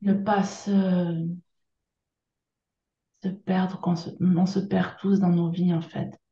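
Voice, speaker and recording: A woman from France with a southern French accent, speaking gently and haltingly as a guest on a video-call interview, with many pauses and fillers. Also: lowish voice, level tone, roomy sound, muffled recording. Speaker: guest workshop leader. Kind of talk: hesitant conversational interview.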